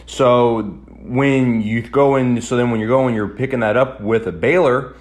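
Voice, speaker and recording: A man's voice: medium pitch, fairly even intonation, a little slow, darkish tone. A young man chatting casually as a podcast host, rambling and often repeating his phrases. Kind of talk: casual chat.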